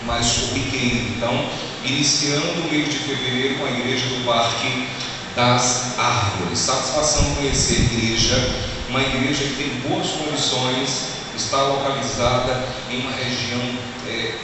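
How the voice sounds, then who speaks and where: Speaking Brazilian Portuguese with an Alagoas accent, this man in his thirties, a pastor from Maceió, Brazil, delivers an earnest, direct sermon in a church sanctuary. He has a medium pitch, a steady tone and a moderate pace. Heavy background noise fills the echoey hall, and the mic sits far from him.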